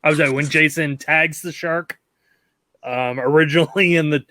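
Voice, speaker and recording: A man's voice: on the high side, steady tone, moderate pace, bright, forceful tone, no room sound. Giggly man hosting a movie chat. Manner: chatty and giggly, full of fillers. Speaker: podcast host. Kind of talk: casual movie review chat.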